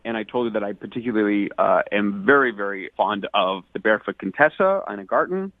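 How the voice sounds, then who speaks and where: A man's voice: on the low side, lively intonation, fairly quick, dry recording. A man calling in to a radio show, indignant and increasingly worked up as he tells his story. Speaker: caller. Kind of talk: phone call on a radio show. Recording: tinny phone line.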